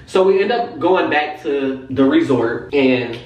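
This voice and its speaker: A man's voice: medium pitch, animated, unhurried, recorded from a distance, dull audio. A man in his twenties tells a casual story as a vlogger, talking animatedly, swearing a lot and saying "like" constantly. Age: 20s. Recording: very echoey room, voice off-mic.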